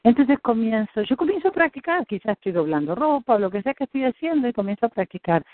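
A woman's voice: on the high side, sing-song, quick pace, dry recording. A woman coaching a client, encouraging and explaining with many restarts. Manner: encouraging, many restarts, acts out her own thoughts. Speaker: business coach. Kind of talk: coaching conversation. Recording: tinny phone-like call audio.

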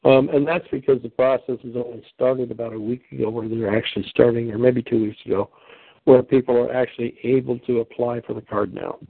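A man's voice: mid-range voice, steady tone, brisk, creaky, husky, dry recording. A man hosting a conference call over the phone. He answers questions in a folksy, patient way, with fillers. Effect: heard over a phone line. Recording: tinny phone line, dry.

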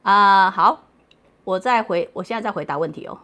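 A woman's voice: medium pitch, normal speed, sharp tone. A woman casually answering viewer questions on a late-night livestream. She is chatty and playful, laughs often and drops English words into her talk.

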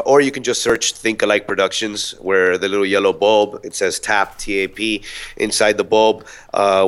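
A man with a slightly low, congested voice, as if he's fighting off a cold. He answers in a loose, rambling way, full of fillers and restarts. It's relaxed, casual interview talk. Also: clean tone. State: sick, congested voice. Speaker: guest.

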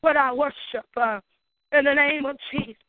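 A woman with a very high voice leads an impassioned prayer, piling up declarations between little uh fillers. The sound is thin and tinny, like a phone line, with a dry, close feel. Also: steady tone, moderate pace, dry recording. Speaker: prayer leader. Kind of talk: fervent spoken prayer.

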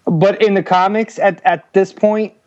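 Guest caller: a man, slightly high voice, eager and rambling, heard over a dull, dry call-in line. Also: steady tone, measured pace, darkish tone, no room sound. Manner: eager, rambling, many restarts. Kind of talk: casual podcast chat.

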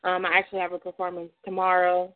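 A woman's voice: fairly low pitch, completely flat delivery, quick pace. A woman poet calling in over the phone, talking in a hesitant, casual way with many fillers. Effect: heard over the phone. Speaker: caller, poet and creative writer. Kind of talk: casual chat. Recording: tinny phone line.

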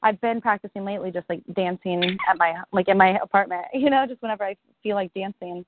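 A woman's voice: medium pitch, fast talker, background noise. A woman chatting casually on a group call, thoughtful and hesitant, restarting her sentences. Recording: tinny phone-like call audio.

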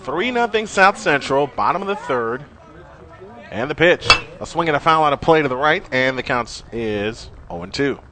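A man's voice: fairly high pitch, expressive, normal speed, background noise. A man giving live baseball play-by-play in terse phrases, as the game announcer.

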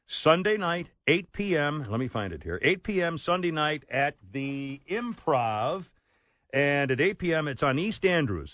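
A man's voice: on the high side, no room sound, highs cut off. A man hosting a talk radio show, rambling and sarcastic, often exasperated, speaking from a studio. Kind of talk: casual talk radio banter. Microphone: studio microphone.

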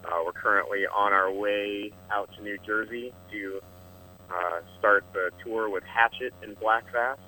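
A man's voice comes through a phone line, low-pitched yet sharp and edgy in tone. He answers casually and hesitantly, pausing often. A faint hiss sits under the call. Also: fairly even intonation. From Iowa, US. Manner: hesitant, many filler pauses. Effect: over the phone. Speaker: band member, phone-in guest.

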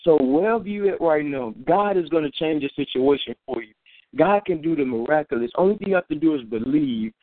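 Expressive and brisk, a slightly high male voice comes through dry and tinny like a phone, with no room sound. He's a preacher giving an earnest, informal faith testimony and sermon, repeatedly restarting and repeating phrases.

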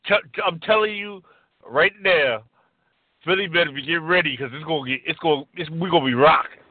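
A toothless middle-aged man, speaking high with mushy, stroke-altered articulation. He is a boisterous radio caller who repeats himself emphatically. The sound is a tinny, narrow phone line. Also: fairly quick, no room sound. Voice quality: altered speech after a stroke. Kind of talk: excited casual sports chat.

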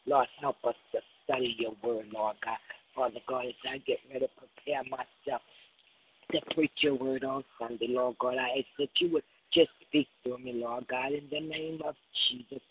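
A man's voice: mid-range voice, steady tone, moderate pace, a little hiss or hum. A man leading a fervent spoken prayer on a prayer line, repeating "Lord God" and "oh God" as he builds. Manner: chanting repetitions of "Lord God" and "oh God", building in intensity. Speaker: prayer leader. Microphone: phone. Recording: tinny phone line.

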